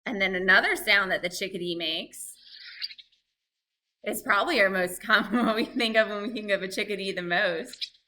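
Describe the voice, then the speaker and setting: A woman presenting a live, lively lesson for families, chatting and asking her audience questions. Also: medium pitch, moderate pace. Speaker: library program presenter on birds.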